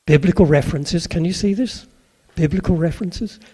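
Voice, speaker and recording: An older man from Suffolk, England, speaking with a Suffolk English accent, delivers an anecdotal sermon to a live audience in a husky, dark-toned voice on the high side, moving a little fast. He keeps it chatty, tossing questions to the listeners and dropping in jokey asides.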